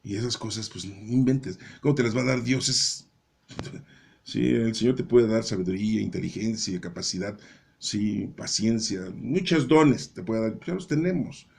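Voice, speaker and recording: A man's voice: normal speed, gravelly. A man explaining Bible readings in a conversational sermon, often checking in with his listeners with "¿no?" and "¿verdad?". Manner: conversational, keeps asking "¿verdad?" and "¿no?"; acts out doubters' voices in a higher pitch. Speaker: lay preacher explaining scripture readings. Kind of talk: informal Bible reading commentary.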